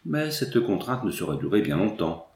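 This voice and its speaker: Low-voiced man reading a story. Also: sing-song, moderate pace, a little mellow, roomy sound. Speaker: audiobook reader. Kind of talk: storybook narration.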